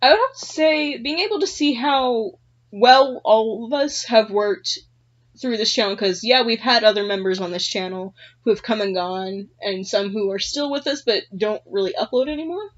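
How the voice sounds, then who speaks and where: A woman's voice: fairly high pitch, normal speed. A woman co-hosting a casual gaming podcast, candid and swearing casually. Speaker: podcast co-host. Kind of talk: casual chat. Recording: dull lo-fi podcast audio.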